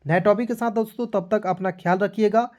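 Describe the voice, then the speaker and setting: A man's voice: high-pitched, steady tone, fairly quick, a little mellow. A male teacher giving a spelling lesson, spelling words out letter by letter and often checking that the class has understood. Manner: spells words out letter by letter and keeps asking if it is clear. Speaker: English teacher.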